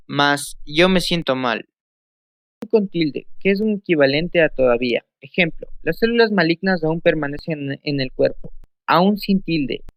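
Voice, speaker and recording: A young man from Ecuador reads through spelling rules and example sentences, now and then tripping over a word and repeating it. His voice sits fairly high, and the recording is dry and close. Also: a bit bright, clear, resonant tone, dry recording. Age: young adult. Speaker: student. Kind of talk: reading a spelling lesson aloud.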